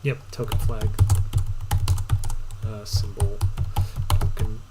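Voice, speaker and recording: A man's voice: fairly low pitch, little pitch movement, slow. A man thinking aloud as he codes, muttering to himself in short, trailing fragments in a casual live-stream commentary style. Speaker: programmer streaming live coding. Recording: loud background noise, keyboard clatter. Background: typing and mouse clicks.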